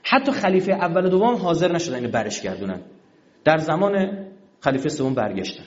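A man telling religious history as a lively story, acting out each quoted exchange. His voice sits fairly high and swings widely in pitch. It comes through a dull, lo-fi recording. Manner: animated storyteller who acts out quoted dialogue. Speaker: religious lecturer.

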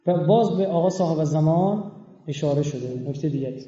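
High-voiced man lecturing in a roomy hall. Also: warm tone, soft background music. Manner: emphatic, explanatory, spells out letters one by one. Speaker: religious lecturer. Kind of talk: religious lecture with scripture readings. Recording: roomy, dull lo-fi recording.

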